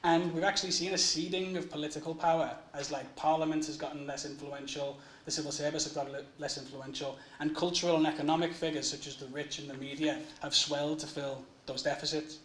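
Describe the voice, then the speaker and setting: A man's voice: a little high, little pitch movement, fast talker, few pauses, fairly bright tone. A young man giving an academic conference presentation on his doctoral research. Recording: echoey room with faint noise.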